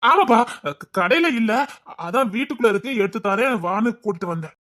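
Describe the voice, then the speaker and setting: A man's voice: high voice, animated, bright, forceful tone. A young man playing a village son who stammers out excuses to his father and reassures his girlfriend. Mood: sheepish. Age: young adult. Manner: stammering excuses, fast and husky.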